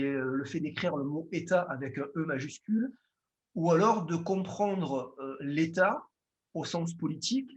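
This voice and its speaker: A man's voice: a little high, muffled recording. A man with a Marseille accent giving a formal conference lecture as a lawyer, hesitant, with frequent fillers and restarts.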